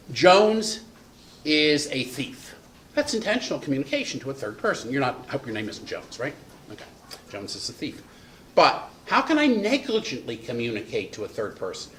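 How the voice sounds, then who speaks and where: A man teaching a law lecture for bar exam prep, acting out examples with sudden dramatic jumps in pitch. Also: a bit bright, a little hiss or hum.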